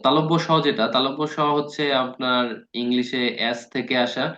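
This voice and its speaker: A man's voice: mid-range voice, steady tone, moderate pace, a bit bright. Man teaching grammar in a dull recording. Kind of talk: casual spoken lesson.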